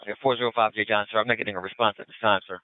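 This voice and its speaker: Low-voiced male dispatcher over police radio. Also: fairly even intonation, dry recording. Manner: brisk, clipped radio procedure. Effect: police radio transmission. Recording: tinny band-limited radio, dry.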